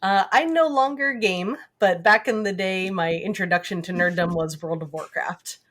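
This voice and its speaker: A woman's voice: mid-range voice, normal speed, fairly bright tone. A woman guesting on a podcast, chatting eagerly about her hobbies. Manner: chatty, enthusiastic about games. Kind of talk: casual podcast interview.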